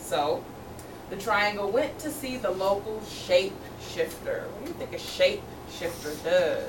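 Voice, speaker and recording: A woman teacher with a medium-pitched, unhurried voice reads a picture book aloud to a group of second graders, encouragingly asking questions and repeating the children's answers back to them. The interactive read-aloud is captured from a distance in an echoey, noisy room.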